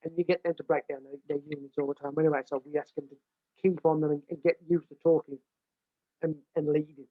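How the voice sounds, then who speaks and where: Speaking fast in a level tone, a British American football coach with a big, slightly high voice gives a casual, plain-spoken explanation. He keeps restarting and repeating himself. There's no echo, and the recording is dry and thin, like a phone.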